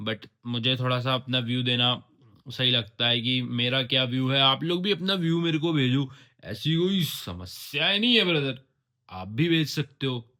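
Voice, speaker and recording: A man's voice: mid-range voice, sharp tone. A young man from India vlogging casually to camera in a joking, crude, self-mocking way. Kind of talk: casual vlog talk to camera.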